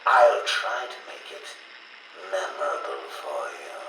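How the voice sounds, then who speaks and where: A man's voice: a bass voice, animated, unhurried, pushed and bright, exaggerated voice. An actor playing an unhinged, taunting male clown villain, heard played back from a cassette interview tape. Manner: taunting, flirtatious, swings wildly in tone. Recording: echoey distant tape with faint hiss.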